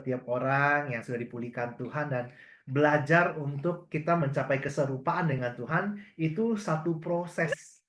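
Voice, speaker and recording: A man's voice: fairly high pitch, normal speed, fairly bright tone. A man, a pastor, preaching in a reflective, confessional way about his own struggles. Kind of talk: sermon. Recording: echoey church room.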